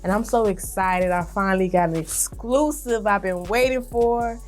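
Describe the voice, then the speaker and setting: A woman hosting a casual hip hop interview, upbeat and animated, sometimes drawing her words out. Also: medium pitch, moderate pace. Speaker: interview host.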